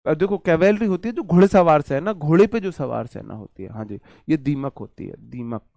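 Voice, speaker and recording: A man's voice: on the high side, lively intonation, brisk, creaky, darkish tone, dry recording, clean studio sound. A man teaching an online exam-prep lecture, chatty and repetitive, with joking asides to his students.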